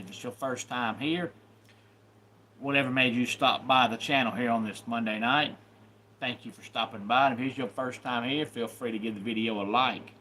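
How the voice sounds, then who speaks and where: A man with a Southern cowboy accent hosts a casual YouTube live stream, greeting viewers by name and plugging upcoming wrestling shows like an announcer; he's also a wrestling referee. His medium-pitched voice sounds pushed and bright, with a little hiss or hum in the audio.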